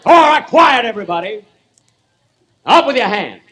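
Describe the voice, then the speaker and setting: An actor playing a boastful, bumbling cowboy outlaw in a 1930s live radio comedy, with brash, indignant timing. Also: male voice, high-pitched, big pitch swings, normal speed, a bit bright, husky, full character voice. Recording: noisy 1930s radio broadcast.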